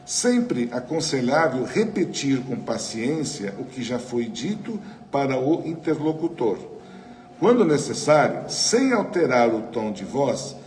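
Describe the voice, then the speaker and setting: A man's voice: medium pitch, darkish tone. Brazilian guy leading a spiritual study group on a mic, keeps asking the room stuff, big echoey hall. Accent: Brazilian Portuguese. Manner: chatty, asks the audience questions, frequent tag questions. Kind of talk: conversational spiritual talk to a live group. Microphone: microphone. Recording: roomy hall with faint noise.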